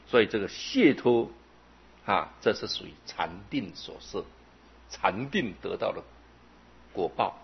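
A man gives a Buddhist sermon, telling a story with frequent filler particles in a husky voice. His pitch moves lively up and down, and the recording sounds dull and lo-fi. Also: a little slow, long pauses. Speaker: Buddhist teacher.

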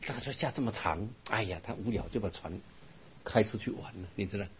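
An older man, a Buddhist monk, giving a dharma lecture, telling stories lively and turning to his listeners with asides. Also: fairly low pitch, brisk, breathy edge. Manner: lively storytelling with laughs and asides to the audience. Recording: dull lo-fi recording.

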